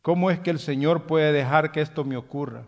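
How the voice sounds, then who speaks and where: A man's voice: on the high side, a little fast, highs cut off, natural voice. A man voicing a shipwrecked castaway who complains to God about his burned house, in a pleading tone, as part of a sermon story. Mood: lamenting.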